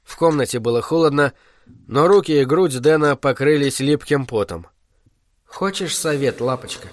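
A man in a measured, dark storytelling manner, reading an audiobook as narrator. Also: on the high side, no room sound. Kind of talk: scripted narration.

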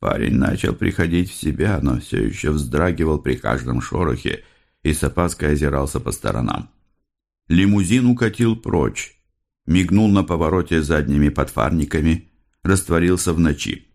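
A man narrating an audiobook in an expressive, dramatic reading. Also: very deep voice, moderate pace, vocal fry.

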